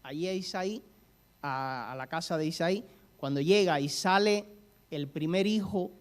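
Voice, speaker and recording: A male preacher at a measured pace delivers a sermon built around stories, asking questions of the congregation. His pitch is fairly high.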